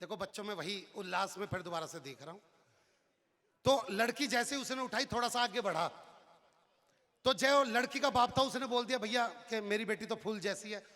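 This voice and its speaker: A man performing comic storytelling as a poet on stage, acting out characters and shouting punchlines. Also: sits high, normal speed. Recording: long hall reverb from a live stage PA.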